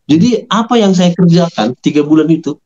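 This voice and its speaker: A man telling his conversion story in an interview, animated, acting out quoted dialogue in a raised voice. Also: a little high, brisk, muffled recording. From Medan, North Sumatra.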